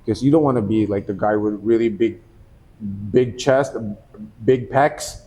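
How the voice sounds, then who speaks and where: A man's voice: on the low side, a little slow, dark tone. Laid-back male fighter from the Philippines. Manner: laid-back, slangy, calls people "bro" and "man". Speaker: professional MMA fighter, guest. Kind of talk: casual podcast chat.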